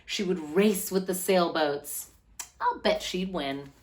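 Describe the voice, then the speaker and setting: This is a lowish female voice telling a story from a children's picture book. Her delivery is animated and deliberate, with words pulled long.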